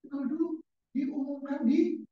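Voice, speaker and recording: A man's voice: very high voice, steady tone, measured pace, faint music behind. A male pastor giving a casual, interactive sermon and quizzing his congregation with questions. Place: church service. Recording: echoey church hall, distant dull mic.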